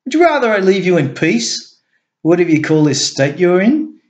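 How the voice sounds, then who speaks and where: A man voicing a godlike alien envoy, relaxed yet serious and entirely sure of himself. He speaks with quiet authority, a little higher than the man's narrating voice, in a read-aloud story. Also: moderate pace, lo-fi sound. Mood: sharp. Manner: relaxed but serious, certain.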